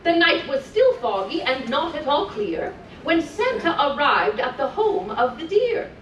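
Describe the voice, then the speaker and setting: A woman storyteller, in character as Santa's cheerful, grandmotherly wife, reads rhymed picture-book tales to children in an indoor room on a cruise ship. Her high, sing-song voice is gently encouraging, cheerful and chatty between verses at a measured pace, while the recording is muffled, distant-miked, roomy with echo, and faintly noisy.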